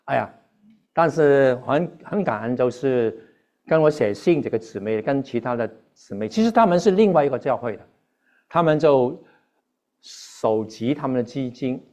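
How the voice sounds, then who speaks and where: A man preaching to a congregation. His voice sits at an ordinary male pitch, and he speaks earnestly, halting and restarting as he goes and slipping English terms into his sentences. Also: lively intonation, warm tone. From Hong Kong. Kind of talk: sermon with personal testimony.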